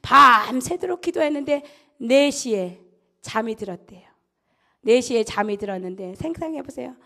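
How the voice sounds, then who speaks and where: A middle-aged woman with a notably high voice preaches a sermon in a church. She tells the story with lively, dramatic energy. She often drops to an intense whisper for emphasis. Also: moderate pace, creaky. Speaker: pastor's wife preaching. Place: church sanctuary.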